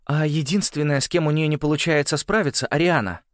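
A man's voice: a little high, brisk, no room sound, clean studio sound, voice pushed up, lightly acted. A man voicing a wary, hesitant teenage boy in a storybook. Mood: guarded. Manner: hesitant and curt.

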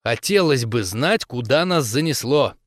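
A man voicing a stubborn old soldier who talks in a firm, steady way. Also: mid-range voice, unhurried, no echo, studio quality, close to an everyday voice. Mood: calm.

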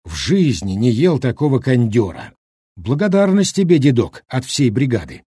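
A man voicing a stern male Cossack brigade leader who speaks slowly and menacingly. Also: medium pitch, very animated, mellow, husky, no echo, clean studio sound. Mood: grateful. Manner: menacing, slow and growling.

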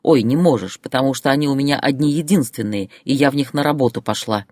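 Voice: medium pitch, fast, darkish tone, no echo, close to an everyday voice. Narrator playing a fed-up wife, sarcastic and cutting, dry close mic. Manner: mocking, biting retorts. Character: fed-up wife, adult woman, turning sharp-tongued. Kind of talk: audiobook character voice.

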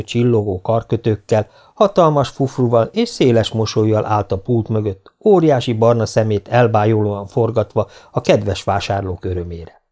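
A man narrating a novel as an audiobook, in a measured storytelling manner. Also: mid-range voice, warm tone.

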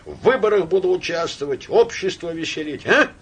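A man's voice: high-pitched, expressive, fairly quick, a bit bright, slightly rough, pitched above the performer's own voice, exaggerated voice. A man voicing a tipsy, fickle young count. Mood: tipsy rambling. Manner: rambling, wheedling drunk talk.

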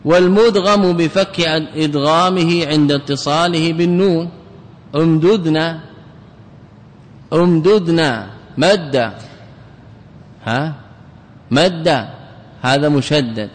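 A man teaching classical grammar as a sheikh, drilling example words and putting quick questions to his listeners. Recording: long reverb with faint rumble.

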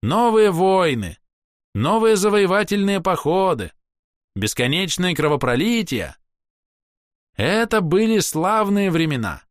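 A man's voice: sits high, very animated, unhurried, no room sound, clean studio sound, pitched above the performer's own voice. A man voicing a proud, theatrical elf man who declaims with spite and a ringing voice, fiery and vengeful. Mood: indignant. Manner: grandiose, declamatory, capricious.

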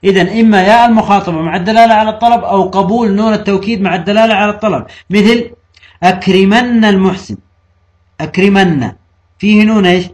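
Male grammar teacher, high voice, slow emphatic quoting of examples. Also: steady tone. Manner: asks the class questions and answers them himself; slows down to quote and stress examples. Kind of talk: classroom grammar lesson.

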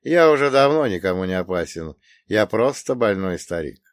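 A man plays a frail old man in an audiobook, with a hoarse, croaking voice. He is worn out but stubborn. The read is close and dry. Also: fairly low pitch, sing-song, normal speed, dry recording. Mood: defiant.

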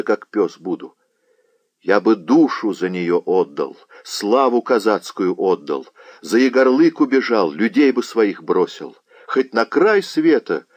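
A man's voice: fairly low pitch, no echo, voice pushed up. A man voicing a fierce, lovesick Cossack chieftain in an audiobook, speaking with passion and anguish.

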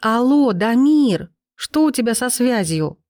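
A woman voicing an anxious young woman on the phone, speaking higher and louder than her narration. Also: expressive, unhurried, no room sound, studio quality. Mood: worried.

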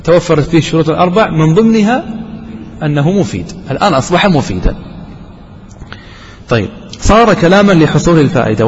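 A man's voice: on the high side, slight background noise. A man teaching a grammar lesson to a class, explaining step by step and often quizzing his students. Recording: dull lo-fi hall recording.

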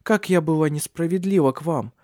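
A man's voice: on the high side, a little fast, warm tone, no room sound, clean studio sound, pitched above the performer's own voice, lightly acted. A man doing a stern, remorseful noblewoman.

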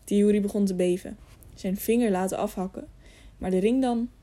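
A woman narrating a children's storybook in a calm, measured way. Her voice is mellow and warm, sitting at an ordinary middle pitch. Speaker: audiobook narrator.

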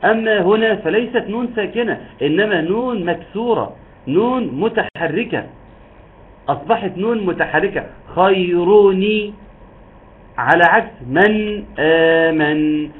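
A man's voice: high voice, lively intonation, normal speed. A man teaching Quran recitation rules in an online lesson, explaining patiently step by step and drawing out words to demonstrate. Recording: tinny phone-like line with faint hiss.

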